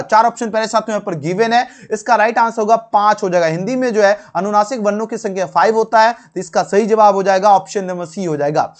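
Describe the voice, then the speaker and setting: A man walking through an exam answer key, repeating each question, calling viewers dear friends, his talk full of fillers. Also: sits high. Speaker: teacher.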